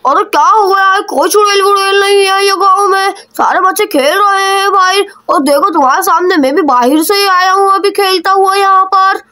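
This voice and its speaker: A woman's voice: extremely high pitch, moderate pace, hardly any pauses, sharp tone. A woman voicing a boastful little village boy in a kids' doll-play story, chatty and teasing. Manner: chatty, teasing, calls out "arre" often.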